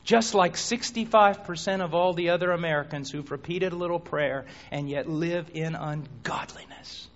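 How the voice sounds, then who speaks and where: High-voiced preacher, hushed to shouting. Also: male voice, moderate pace, few pauses. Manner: dramatic storytelling, swinging from hushed near-whispers to shouts. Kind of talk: sermon. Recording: dull lo-fi recording.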